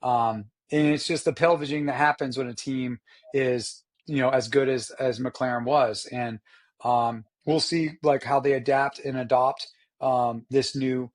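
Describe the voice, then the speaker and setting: Hoarse, enthusiastic man chatting about motorsport. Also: mid-range voice, steady tone, measured pace. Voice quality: hoarse, rough voice. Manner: rambling, enthusiastic, slangy. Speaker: podcast co-host. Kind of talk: casual motorsport chat.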